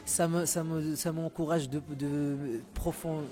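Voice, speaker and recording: A man's voice: a little high, little pitch movement, takes it slowly, mellow. A Moroccan musician, a man whose first language is Moroccan Arabic, talking casually in an interview and often repeating words while he searches for terms. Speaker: musician guest.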